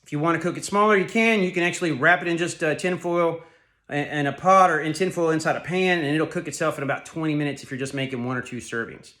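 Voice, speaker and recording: A slightly high-voiced man in his thirties talks through his meal prep in a home kitchen. He sounds a little out of breath from his workout. His delivery is easygoing and rambling, full of repeats and quick self-corrections. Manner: relaxed, repetitive, rambling with fillers and self-corrections. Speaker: fitness vlogger. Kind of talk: casual home cooking vlog.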